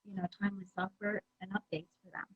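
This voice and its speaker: A woman's voice: medium pitch, flat delivery, fast talker, slightly rough, no echo, narrow, tinny audio. A woman giving a conference presentation, talking in a conversational way with many fillers and restarts. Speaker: presenter at a user group meeting.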